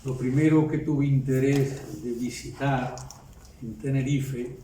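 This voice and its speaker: A man gives a formal, courteous response speech at an academic ceremony, speaking in a measured way. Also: medium pitch, steady tone, dark tone. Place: hotel hall. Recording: roomy hall audio from a distance with faint noise.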